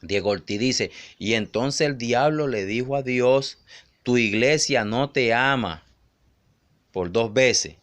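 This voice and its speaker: A middle-aged man preaching in an emphatic, scolding way, dropping to low murmurs and rising to raised cries. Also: slow pace, a bit bright. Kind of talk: online sermon rebuttal video.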